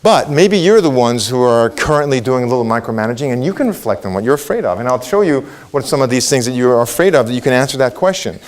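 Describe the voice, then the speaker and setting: A man with a medium-pitched, expressive voice talks fast with few pauses. He's a middle-aged Israeli, Hebrew his first language, giving a motivational keynote where he quizzes the audience and acts out quotations.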